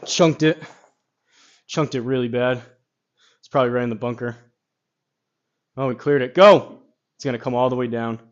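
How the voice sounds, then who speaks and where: Guy chatting thru his golf sim round, thinking out loud, kinda rambly, slightly lo-fi mic. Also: medium pitch, level tone, fairly quick, long pauses. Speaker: golf simulator streamer. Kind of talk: casual gameplay commentary on simulated golf.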